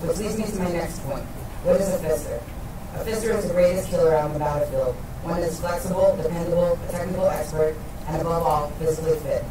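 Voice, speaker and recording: A man delivers a formal military graduation speech in a measured, rhetorical way. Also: on the high side. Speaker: army senior enlisted speaker. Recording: very echoey, distant, noisy hall recording.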